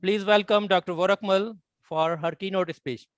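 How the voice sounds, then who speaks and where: A man's voice: high-pitched, fairly even intonation, normal speed, no echo. A man speaking as a conference host, making formal, courteous announcements.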